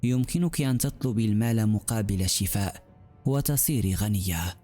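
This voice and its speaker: A man's voice: on the low side, brisk, dark tone, faint music behind, close to an everyday voice. A man voicing a cold, bitter male demon lord who speaks with mocking weariness.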